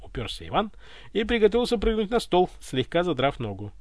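A man's voice: high voice, sing-song, brisk, no room sound. A man narrating a humorous story as an audiobook, in a wry storytelling manner, read dry and close.

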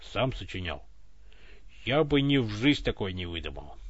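A man voicing a rough-spoken space fleet pilot with a blunt, coarse manner, on a dull, dry recording. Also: on the low side, very animated, moderate pace, no room sound, pitched below the performer's own voice. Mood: boastful.

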